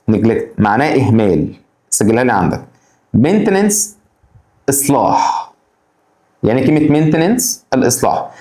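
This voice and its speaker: Lively Egyptian man teaching English vocabulary. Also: medium pitch, roomy sound. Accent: Egyptian Arabic. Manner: addresses students directly with quick rhetorical questions. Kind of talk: exam-prep lesson explaining vocabulary.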